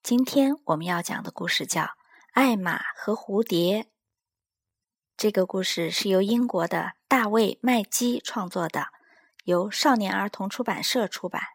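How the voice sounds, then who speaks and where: A woman reading a children's story aloud in a slow, gentle storyteller manner. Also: mid-range voice, slightly rough, dry recording, studio quality.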